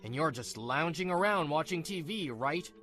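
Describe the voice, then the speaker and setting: A man voices a domineering husband in a manga dub, with music playing behind him. His pitch sits fairly high for a woman's range yet low beside one, with an animated, slightly bright quality. Angry, scornful, and quick to blame, he comes across as self-pitying and short-tempered.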